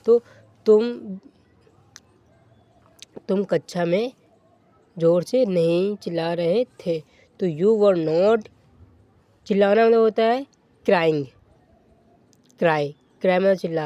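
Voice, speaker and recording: A male teacher giving a grammar lesson, asking questions and answering them himself, repeating each rule and slowing down to dictate example sentences. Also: high-pitched, dark tone, no echo, highs cut off. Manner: asks and answers own questions, repeats rules.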